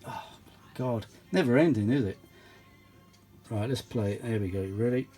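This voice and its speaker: A British man who repairs vintage audio gear gives a chatty, rambling demonstration for his vlog, full of exclamations. His medium-pitched voice has a dark tone at normal speed, with soft music behind him, and the recording is noisy with clear background noise.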